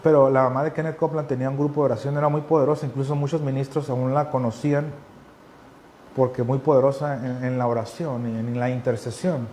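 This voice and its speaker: A man's voice: mid-range voice, steady tone, fast, mellow, a little hiss or hum. A man preaching a sermon in an earnest, conversational way, repeating key phrases for emphasis. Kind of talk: sermon teaching.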